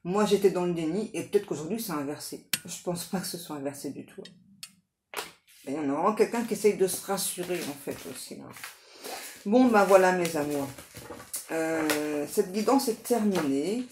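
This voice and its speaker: A woman giving a casual, improvised tarot reading straight to the listener, halting and repetitive, often adding little tag words for agreement. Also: fairly low pitch, expressive. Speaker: tarot card reader hosting a guidance channel. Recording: echoey room with faint background noise.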